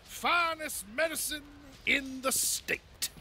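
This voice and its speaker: A man's voice: very high-pitched, slow pace, background noise, full character voice. An actor voicing a sleazy salesman, a slippery, blustering snake-oil tonic peddler in a video game cutscene. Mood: smooth, ingratiating.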